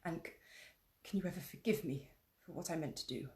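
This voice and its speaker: A woman voicing a timid, gentle male faun who speaks softly and anxiously. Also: fairly low pitch, a little fast, close to an everyday voice.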